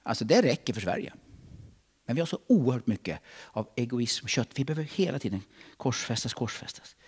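Lively preaching man, big swings. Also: mid-range voice, slightly rough. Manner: animated, swings between shouting and hushed asides. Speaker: pastor. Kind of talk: sermon. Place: church.

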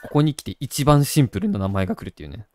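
Animated man chatting over a pet game. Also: mid-range voice, very fast, soft background music. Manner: chatty and doting, reads on-screen game text aloud. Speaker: gaming channel host. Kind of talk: casual game commentary.

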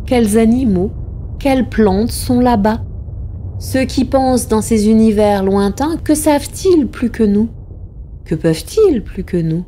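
A woman's voice: mid-range voice, warm tone, slight background noise. A woman giving a dramatic reading of a classic tale, impassioned and rising to anguished cries in the tense passages. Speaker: reader.

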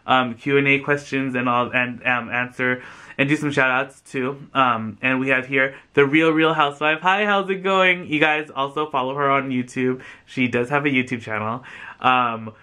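An American man in his thirties, a vlogger and thrift reseller, chats casually to the camera from a sofa in a small furnished room. He is effusive and rambling, saying "like" a lot. His mid-range voice has a steady yet sharp tone at a moderate pace.

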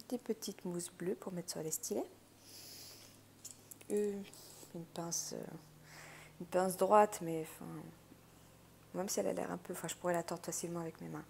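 A woman speaks in a fairly low voice, gravelly with vocal fry. She chats casually as she unboxes something, thinking aloud. Clear crinkling and clicking noise sits behind her. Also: fairly even intonation, moderate pace, long pauses, darkish tone. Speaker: craft unboxing host. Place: indoors at a wooden table. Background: crinkling plastic, clicks.

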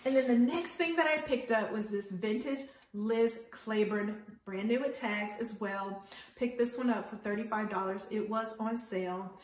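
A woman's voice: a little high, moderate pace, reverberant, a little hiss or hum. A woman in her fifties chatting eagerly to viewers about her vintage finds, filmed at home. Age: 50s. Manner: enthusiastic, chatty, talks straight to viewers. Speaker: fashion vlogger. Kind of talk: casual haul and try-on chat. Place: home bedroom.

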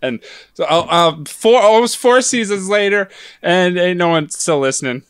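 Male podcast co-host, deadpan joker, animated intonation. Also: high voice, normal speed, smooth. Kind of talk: casual chat.

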